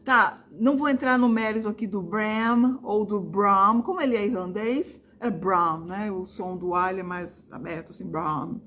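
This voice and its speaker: Woman host, casual and demonstrative, drawing out words slowly, with a little background hiss. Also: mid-range voice, fairly bright tone. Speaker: book channel host teaching English pronunciation. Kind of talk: casual video lesson.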